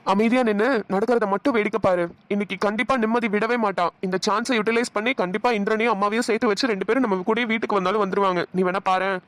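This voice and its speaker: A performer voicing a sensible young husband in a cartoon, laying out his reasoning quickly. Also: mid-range voice, steady tone, a bit bright, no room sound, natural voice. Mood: explaining. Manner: quick, explaining. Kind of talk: cartoon voice acting.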